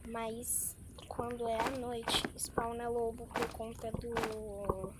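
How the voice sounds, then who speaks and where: Nervous high-voiced woman gaming. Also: level tone, slow, heavy background noise. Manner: anxious, exclaims often, talks to viewers. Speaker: gaming streamer. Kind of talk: live game commentary.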